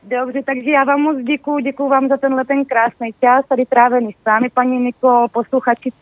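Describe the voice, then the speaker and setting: A guest author in a lively, animated reading of a children's story over a phone line. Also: sits high, no room sound.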